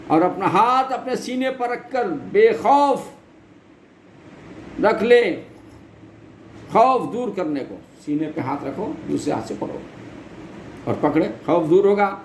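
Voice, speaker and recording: A male teacher reading scripture translation lines and retelling each in plain everyday speech. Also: high voice. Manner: reads a line then retells it in plain speech. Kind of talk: Quran translation and explanation lesson. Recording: echoey room with faint noise.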